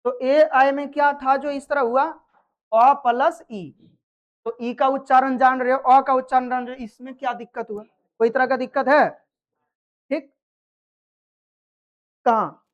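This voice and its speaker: Speaking at a measured pace with long pauses, a woman with a high, steady voice runs a live grammar class. She asks students questions, repeats what they answer and confirms they understand, all on a muffled recording.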